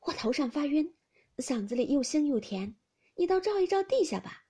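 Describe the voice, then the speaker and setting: A woman reading aloud, giving a gentle, patient young maid her soft, forbearing lines. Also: high-pitched, sing-song, moderate pace, voice pushed up. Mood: weak. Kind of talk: storybook reading.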